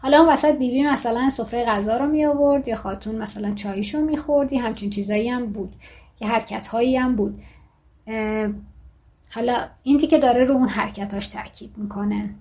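This fiction-writing teacher has a somewhat high, slightly mellow voice. She talks through ideas casually and switches to formal delivery for the passages she reads out.

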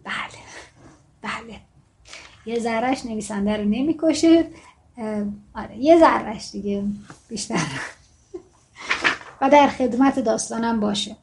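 Speaking in a higher register with a darkish tone and frequent pauses, a woman gives a fiction-writing lesson. Her explanations are relaxed, but she reads passages in a more formal voice, and there's a bit of background noise.

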